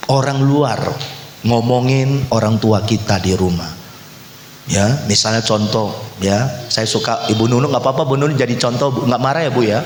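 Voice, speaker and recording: A male pastor preaching a lively sermon in a church, acting out quoted voices and teasing the congregation. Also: mid-range voice, a little hiss or hum. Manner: animated, acts out quoted voices, teases the congregation. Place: church hall. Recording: echoey church hall.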